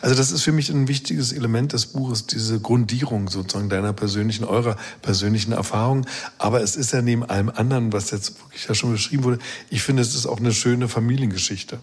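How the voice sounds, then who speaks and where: Chatty male interviewer, breathy voice. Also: mid-range voice, fairly even intonation, fast. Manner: chatty, seeks agreement with tag questions. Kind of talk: arts interview.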